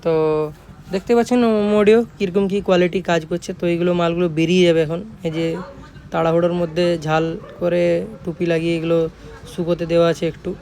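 A man from Jhargram, West Bengal, India, who owns a speaker workshop, gives laid-back vlog commentary in a West Bengal accent. His voice sits on the high side, slightly mellow and level in tone, and he speaks fast, repeating himself and often seeking agreement, over slight background noise.

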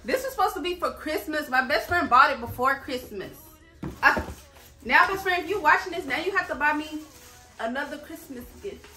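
A middle-aged American woman vlogger chatting casually to camera in a playful, slangy, expressive way. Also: high voice, moderate pace, roomy sound, faint music behind.

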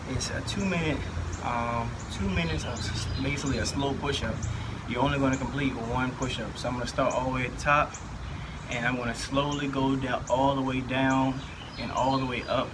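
Casual man vlogging outdoors, even tone. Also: mid-range voice. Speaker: fitness vlogger. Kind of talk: casual chat to camera. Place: outdoors on a residential driveway. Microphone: camera a few meters away. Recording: noisy outdoor camera audio, background hum.

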